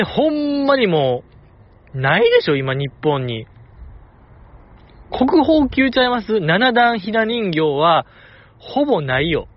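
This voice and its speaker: A man with a Kansai accent talks casually as a radio host, chatty and fond of teasing asides. His voice sits a little high. The sound is muffled and lo-fi. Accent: Kansai Japanese. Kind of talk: casual solo radio talk.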